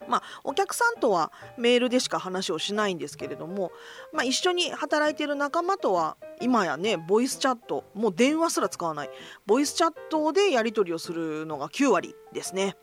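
抑揚豊かに語る中年女性. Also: female voice, fairly high pitch, big pitch swings, a little fast, soft background music. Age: middle-aged. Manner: self-deprecating, joking, mixing polite forms with slang. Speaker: host of a solo voice blog. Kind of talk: casual free-talk monologue, radio style.

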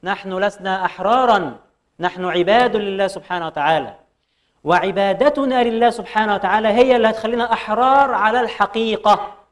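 A man with an Egyptian Arabic accent giving a religious lecture, firing rhetorical questions and reciting verses slowly. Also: sits high, fairly bright tone. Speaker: preacher.

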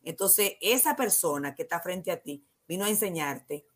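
This is a talk-show guest counselor, a woman whose Dominican accent colors a husky, somewhat low voice. She speaks at a normal speed, laying out ideas calmly like a teacher and posing questions only to answer them herself.

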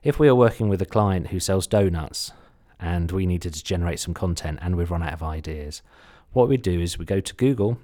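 A man's voice: low-pitched, brisk, few pauses, mellow. A man with a slight Suffolk English accent giving a casual instructional podcast talk, chatty and full of self-deprecating asides. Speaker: podcast host, content marketer.

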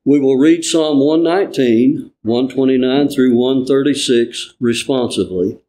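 A man reading scripture in church, formally, with measured and earnest phrasing. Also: mid-range voice, warm tone, rough recording.

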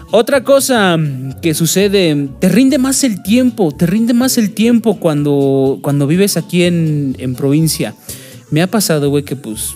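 A man's voice: on the high side, a little mellow. A man from Mexico City with a chilango accent, chatting casually on a podcast, swearing and using lots of fillers. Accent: Mexico City Spanish. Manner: slangy, swears often, many fillers. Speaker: podcast host. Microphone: studio microphone.

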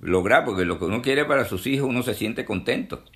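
A man's voice: medium pitch, expressive, a little fast, a bit bright. A man hosting an interview, adding short replies and reading out viewer comments. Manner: brief affirmations, reads out viewer comments. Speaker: interview host. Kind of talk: conversational interview.

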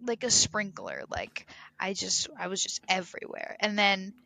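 A young woman tells a story on a podcast with a bright, pointed tone and lively, rambling energy. She leans on fillers and quick bursts of speed. The room sounds dry and close. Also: medium pitch, gravelly, no echo. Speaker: podcast co-host. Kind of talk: casual storytelling chat.

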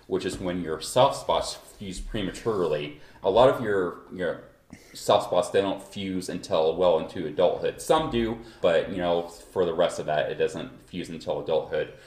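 A man from Kansas, USA, hosts a podcast in loose, rambling casual chat while feeling a bit unwell. His voice is low with a darkish tone, and the room recording sounds echoey.

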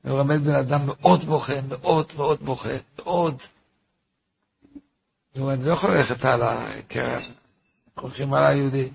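A man's voice: mid-range voice, steady tone, vocal fry, long pauses, slightly rough. A man, a rabbi giving a weekly Torah lesson, tells a story in a repetitive way, asks himself rhetorical questions and turns to his listeners with informal asides.

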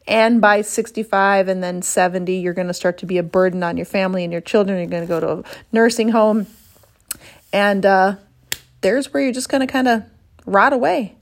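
Blunt, passionate woman in her fifties. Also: medium pitch. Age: 50s. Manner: blunt, passionate, swears casually, sighs in exasperation. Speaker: women's health and fitness coach. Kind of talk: casual monologue to camera.

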